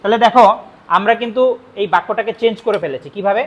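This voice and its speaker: Man, high-pitched teacher voice, slow, repetitive classroom explaining, mixes Bengali and English. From Bangladesh. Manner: explains slowly, repeats each phrase, switches between Bengali and English. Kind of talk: classroom grammar lesson.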